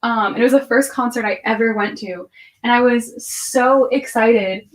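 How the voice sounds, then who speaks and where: Speaking unhurriedly in a somewhat high voice, this twenty-something woman livestreams from a bookshelf-filled room in her home. She rambles casually and seems half-distracted while musing aloud and responding to viewer questions, with faint music behind her and poor audio quality.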